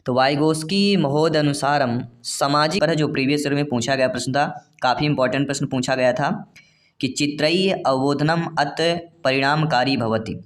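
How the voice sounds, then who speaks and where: Man teaching an exam-prep lesson. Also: mid-range voice. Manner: reads questions slowly then explains in plain terms; addresses viewers warmly as dear friends and fellow teachers.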